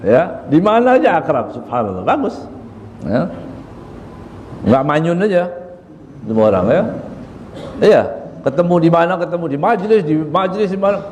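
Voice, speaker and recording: A man's voice: a little high, animated, moderate pace, pauses often, a little mellow, long reverb tail, highs cut off, slight background noise. A man, a religious teacher, giving a chatty study sermon in a prayer room, laughing often and acting out little quoted exchanges. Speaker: ustadz teaching a book on character.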